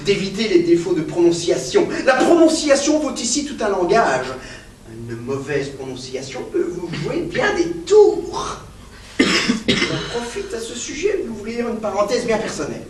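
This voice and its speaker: A grandiose, pedantic professor, played by a man on stage, declaiming with sweeping swings in his rather high voice. He sounds like he is far from the mic in a very echoey theater. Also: very animated, a little slow, a little hiss or hum. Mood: pompous lecturing. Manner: declamatory, insistently repeats "mademoiselle". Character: pedantic male professor, grandiose, increasingly frenzied. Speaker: stage actor. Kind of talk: stage play performance.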